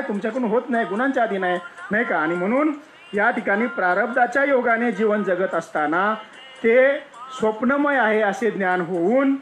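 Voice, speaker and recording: Here the speaker gives a spiritual discourse built around a parable, repeatedly raising rhetorical questions and supplying the answers. He sounds explanatory and restates key points. His voice is mid-range and a bit bright, with a little hiss or hum.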